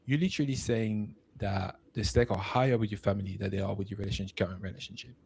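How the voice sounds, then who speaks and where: A man's voice: fairly low pitch, fairly even intonation, fast, gravelly, a little mellow, breathy edge. A man co-hosting a spiritual talk, giving relationship advice with hesitant fillers. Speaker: co-host.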